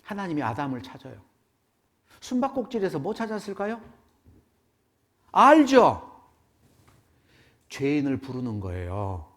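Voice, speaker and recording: A man's voice: a little high, a little slow, pauses often. A man preaching a sermon to a congregation, asking questions and acting out a family story in different voices. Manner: animated, acts out family dialogue, asks audience questions. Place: church meeting hall.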